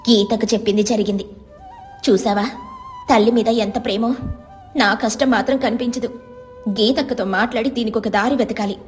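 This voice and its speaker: A woman voicing a stubborn, resentful young wife who snaps and complains quickly. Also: a little high, fairly even intonation, faint music behind, natural voice. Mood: complaining.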